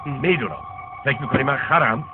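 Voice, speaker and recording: An actor dubbing a bossy middle-aged guest who barks orders at servants. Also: male voice, medium pitch, close to an everyday voice. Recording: tinny phone-like film dub with faint music.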